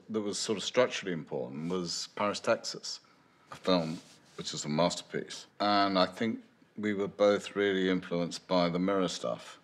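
Deep-voiced older man musing in an interview. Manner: thoughtful, musing, with frequent restarts and "you know". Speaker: screenwriter interviewed about his film. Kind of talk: reflective interview answers. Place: dim indoor room with lamps behind. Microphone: medium shot, seated, unseen mic.

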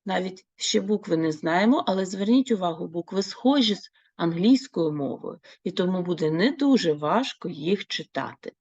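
A woman teaching a French lesson, speaking slowly and clearly and repeating words for her learners. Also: lowish voice, lively intonation, darkish tone, no echo, highs cut off. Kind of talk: online language lesson.

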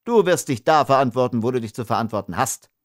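A man's voice: medium pitch, lively intonation, fast, no echo, studio quality, voice pushed up, lightly acted. A man reading an audiobook, voicing an arrogant army lieutenant who speaks with contempt. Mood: sneering. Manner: sneering, contemptuous.

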